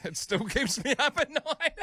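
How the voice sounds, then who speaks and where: A man hosting a radio show and reading listener stories out loud in a casual, laughing way. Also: very high-pitched, measured pace. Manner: lively, laughing storyteller. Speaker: radio host.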